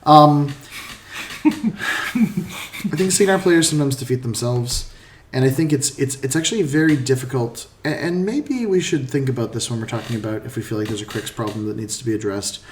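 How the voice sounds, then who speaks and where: A man in casual discussion, measured and deliberate, thinking aloud as he goes. His voice sits in a middle range and comes from some way off the microphone. Faint background noise runs under it. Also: mid-range voice, roomy sound. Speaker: podcast guest co-host. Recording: distant mic with faint noise.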